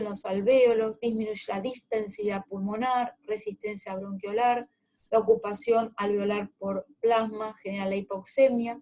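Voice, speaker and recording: Woman, medical lecturer, clear explanatory delivery that speaks straight to the students. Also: fairly high pitch, a little mellow. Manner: explanatory, addresses students directly with reminders. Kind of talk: clinical case lecture.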